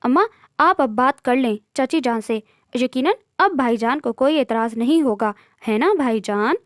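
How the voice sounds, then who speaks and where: A woman's voice: high voice, lively intonation, moderate pace, dry recording, studio quality. A woman narrator voicing Saira, a cheerful, teasing young woman.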